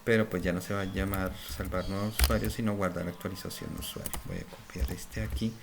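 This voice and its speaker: A man walks through a coding lesson in a lowish voice, narrating each step as he types and often checking that viewers follow. Keyboard typing and mouse clicks sit behind him, over clear background noise on a home recording. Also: little pitch movement, a little fast. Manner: thinks aloud while typing, frequent "¿cierto?" check-ins. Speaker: programming instructor. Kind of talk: screen-recorded coding tutorial.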